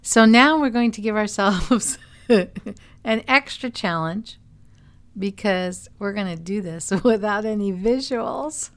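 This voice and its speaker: A woman's voice: medium pitch, slow. A woman co-hosting a podcast, chatting casually and teasing her partner as she explains design ideas. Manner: chatty, laughs easily, teasing. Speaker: podcast co-host. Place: home in Wisconsin.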